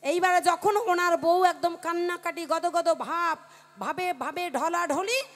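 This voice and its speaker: A woman with a high voice tells a comic folk tale to a live audience. She speaks into a stage microphone and keeps calling out to the listeners. Her delivery is lively and chatty. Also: unhurried. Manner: lively, calls out to the crowd. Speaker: folk performer telling a comic story.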